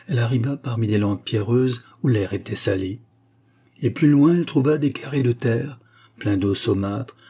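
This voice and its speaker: A male audiobook narrator reading an old fairy tale at an even, measured pace. His voice is mellow and warm, with a soft husky grain, and stays calm and unhurried. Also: lowish voice.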